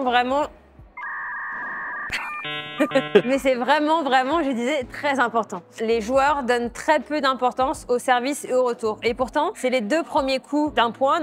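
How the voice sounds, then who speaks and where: A young Frenchwoman with a high-pitched voice shares playing advice. She speaks informally, as in a relaxed tutorial between sporting partners. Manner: informal, conversational. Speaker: padel player giving tips. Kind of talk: casual tutorial talk.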